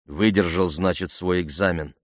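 A man's voice: sits low, moderate pace, a little mellow, no echo, close to an everyday voice. A man voicing a shy, reserved young man who speaks in a dry, mumbled way. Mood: subdued.

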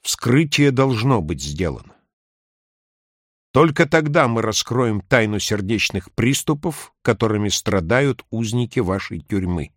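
A man voicing a calm, ironic town doctor with a dry, steady delivery. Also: medium pitch, moderate pace, no echo, voice pushed up.

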